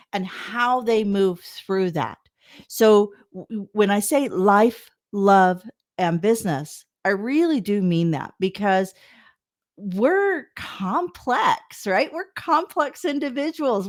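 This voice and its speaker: Earnest woman podcast host. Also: medium pitch. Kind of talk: podcast interview.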